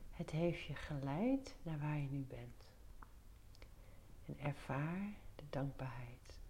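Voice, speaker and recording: A woman guiding a meditation in a soft, breathy near-whisper, soothing, giving short instructions with pauses. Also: low-pitched, animated, a little hiss or hum. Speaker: meditation guide. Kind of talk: guided meditation.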